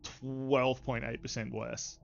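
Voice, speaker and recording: Acting as dungeon master and stream host, a man narrates a tabletop game in a casual livestream, joking and bantering playfully with his players and chat. His medium-pitched, gravelly voice is flat and slow. The sound is lo-fi with slight background noise.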